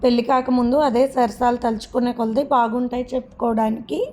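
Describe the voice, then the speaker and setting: A woman's voice: a little high, flat delivery, a little fast, mellow, slight background noise, natural voice. A woman voicing a mischievous, joking young man in a storybook reading. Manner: playful joker.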